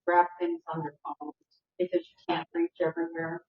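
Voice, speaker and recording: A woman co-hosting a casual patio chat, playful and quick to agree. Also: on the low side, big pitch swings, creaky, echoey room. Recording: dull lo-fi sound.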